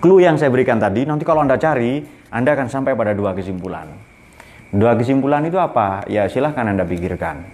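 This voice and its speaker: A man's voice: medium pitch, expressive, fast talker, darkish tone. A man in his forties giving a casual, joking religious lecture at a boarding school, with many fillers. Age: 40s.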